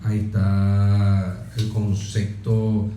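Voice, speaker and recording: In a radio studio, a middle-aged Venezuelan man, a radio host and former soldier, delivers a patriotic political monologue on a talk show. His lowish, dark voice is completely flat and very slow, with reverb and slight background noise. He's emphatic and oratorical, relying on repetition and rhetorical questions.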